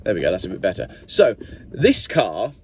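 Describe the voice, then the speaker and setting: A car reviewer with a deep, slightly mellow and somewhat rough voice talks at normal speed, his pitch swinging widely. In a casual, chatty vlog he rambles through a car's history and receipts, often putting questions directly to viewers.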